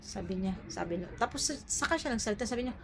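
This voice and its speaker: A woman's voice: mid-range voice, expressive, fast. A woman vlogger talking casually to her viewers from home, rambling with lots of hesitations and filler words.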